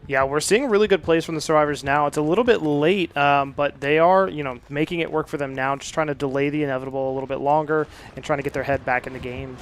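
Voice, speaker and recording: A man giving steady play-by-play commentary on a video game match, with frequent fillers. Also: fairly high pitch, quick pace, hardly any pauses. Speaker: esports caster.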